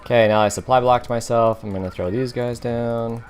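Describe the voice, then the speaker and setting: A man giving relaxed gameplay commentary, talking to himself and explaining each move as he plays. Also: mid-range voice, normal speed, faint music behind. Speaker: gaming commentator.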